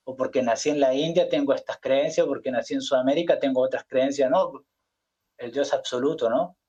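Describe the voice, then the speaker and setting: A man's voice: medium pitch, darkish tone, lo-fi sound. A man leading a casual Bible study discussion in an earnest, preachy way, often adding "¿no?". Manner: earnest, preachy, with many "¿no?" tags.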